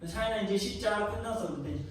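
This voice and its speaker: A man's voice: high-pitched, a little fast. A man preaching a sermon as a pastor, telling a family story in an earnest way that rises to emphatic peaks. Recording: echoey church hall, distant mic, faint noise.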